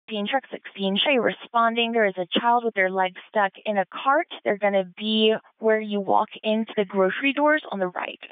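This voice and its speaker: A woman's voice: mid-range voice, moderate pace, hardly any pauses, no echo. A woman dispatching emergency crews over a two-way radio in clipped, procedural phrases, like police radio. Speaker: fire dispatcher. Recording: phone-like band-limited scanner radio audio.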